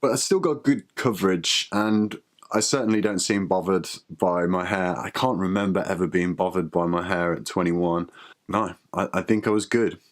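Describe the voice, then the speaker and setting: A vlogger in his 30s speaks to the camera in a personal video diary, his somewhat low voice keeping a steady tone. He comes across as candid and reflective, now and then halting and restarting.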